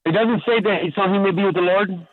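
Stammering man calling into a radio show. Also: sits high. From California. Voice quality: distorted phone line. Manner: halting, stammering, repeats words. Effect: phone call heard over the radio.

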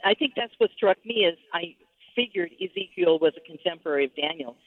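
A woman's voice: on the low side, animated, a little fast, no room sound. A woman calling in to a radio show over the phone, talking politely and a little hesitantly. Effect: phone call heard over the radio. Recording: tinny dry phone line.

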